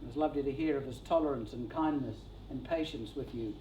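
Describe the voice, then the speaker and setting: A man leading a funeral service, thanking speakers gently and introducing the next ones. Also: medium pitch, a little hiss or hum. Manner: gentle, measured. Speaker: funeral celebrant. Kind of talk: formal ceremony hosting. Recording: echoey room from a distance.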